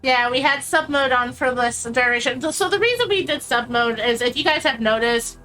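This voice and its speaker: Woman stream co-host, bright tone, rambling casual chat, light music behind. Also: sits high, moderate pace.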